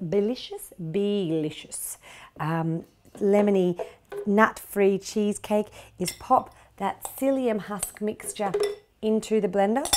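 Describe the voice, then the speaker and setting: A woman's voice: mid-range voice, noisy background. A middle-aged woman hosting a cooking show, chatting encouragingly as she demonstrates a recipe in a kitchen. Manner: chatty, encouraging, talks while working. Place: home kitchen studio, indoors.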